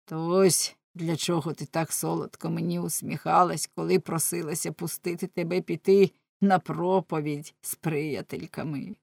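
A woman voicing a jealous, hot-tempered husband who rants in loud, anguished outbursts, in a storybook reading. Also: sits low, fairly even intonation, moderate pace, gravelly, hardly any pauses, no room sound. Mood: bitter.

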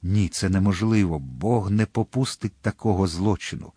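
A man voicing a grave, brooding older nobleman in a storybook reading, speaking low and heavy. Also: moderate pace, mellow, breathy edge, no room sound, clean studio sound. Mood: horrified.

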